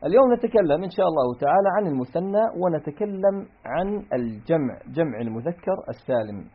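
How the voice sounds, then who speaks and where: A man's voice: on the high side, expressive, quick pace, slightly rough. A man giving a grammar lesson, reading a classical text aloud and then parsing examples step by step. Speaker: grammar teacher. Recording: tinny phone-like recording.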